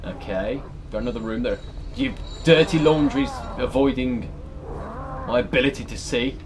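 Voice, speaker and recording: Playing a horror game, a British man of about thirty swears and vents his exasperation in casual let's-play commentary, speaking in a mid-range voice at a moderate pace. Both the game ambience and background noise are clearly audible.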